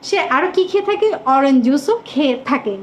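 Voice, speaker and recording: A woman teacher giving a live online English lesson, patiently repeating questions and drawing out English words slowly. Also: high-pitched, expressive, dull audio, a little hiss or hum.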